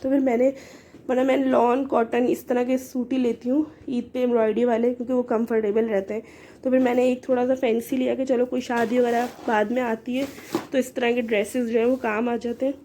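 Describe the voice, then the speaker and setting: Hoarse young woman with a cold. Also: fairly high pitch, flat delivery, fairly quick, dark tone, a little hiss or hum. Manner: chatty, explaining items one by one. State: hoarse with a cold, short of breath. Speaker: vlogger. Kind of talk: casual show-and-tell vlog.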